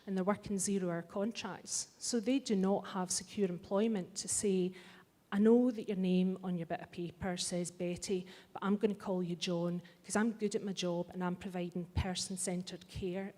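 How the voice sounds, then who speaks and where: Before a live audience in a large hall, a middle-aged Scottish woman delivers a blunt, wry, and impassioned festival speech. Her medium-pitched voice is a little mellow, and long hall reverb trails her words.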